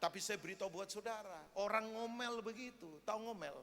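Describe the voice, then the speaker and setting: A man's voice: high voice, fairly quick, a bit bright. A male pastor preaching a sermon, telling stories in a chatty way and asking the congregation questions. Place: church. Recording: echoey church hall.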